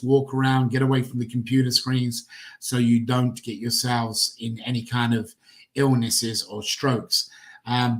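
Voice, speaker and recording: Slow-talking man hosting a company call. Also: medium pitch. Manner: slow, rambling, pastoral sign-offs. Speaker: company host on a live update call. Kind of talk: casual company update call.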